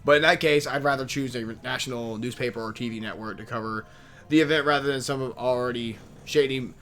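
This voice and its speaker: A man's voice: medium pitch, steady tone, brisk, fairly bright tone. A man reading a visual novel aloud as a let's play host, tripping over words, restarting lines and muttering complaints between them. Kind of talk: reading game text aloud with casual asides.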